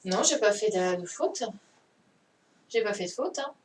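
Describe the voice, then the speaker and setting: Woman teacher, slow and patient, video-call audio a little distant. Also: medium pitch, animated. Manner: patient, repeats and checks understanding. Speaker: primary school teacher. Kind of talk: online class dictation correction. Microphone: computer mic on a video call. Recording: distant mic with faint noise.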